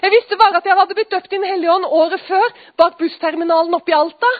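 A woman's voice: extremely high pitch, no echo. A woman giving an earnest, emotional personal testimony, at times dropping to a whisper. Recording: dry, phone-like sound.

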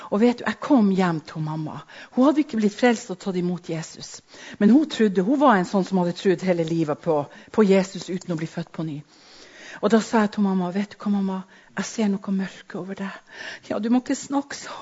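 A woman preaching a sermon, rising to emphatic loud passages and dropping to hushed whispers. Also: medium pitch, expressive. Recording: dull lo-fi recording.

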